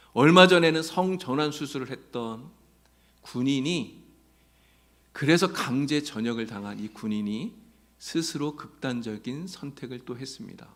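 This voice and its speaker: A man's voice: mid-range voice, vocal fry. A man preaching a sermon as pastor, speaking emphatically and questioning the congregation directly. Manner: emphatic preaching, rising loud in quoted prayers.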